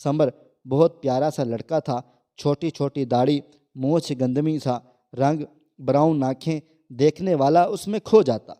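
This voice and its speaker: Man, storyteller, scripted narration, mellow tone, slightly high voice, reads every part himself. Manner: reads every character's quoted lines in his own voice, only slightly raised for the girl.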